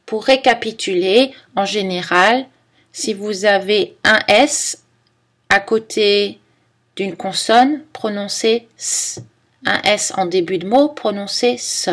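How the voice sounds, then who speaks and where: A woman teaching French pronunciation in a scripted lesson, reading word lists one by one in a careful, measured way. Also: medium pitch, fairly bright tone.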